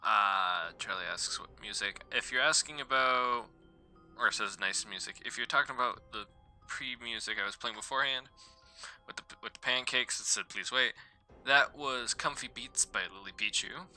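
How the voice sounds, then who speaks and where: A man's voice: mid-range voice, moderate pace, bright, forceful tone. A man streaming a horror game live, chatting casually and stumbling as he reads the on-screen text aloud. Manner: rambling, stumbles while reading text aloud. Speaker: gaming streamer. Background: faint game music.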